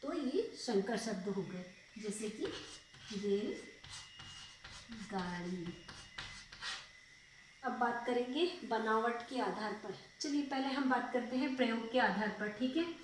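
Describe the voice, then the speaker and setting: A woman's voice: on the high side, slow, long pauses, recorded from a distance, a little hiss or hum. Patient woman teacher, echoey room. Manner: patient, repeats and asks checking questions. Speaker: school teacher. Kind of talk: grammar lesson.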